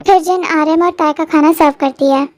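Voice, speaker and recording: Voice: high-pitched, fairly even intonation, a little fast. A narrator telling a fan-made story in plain narration.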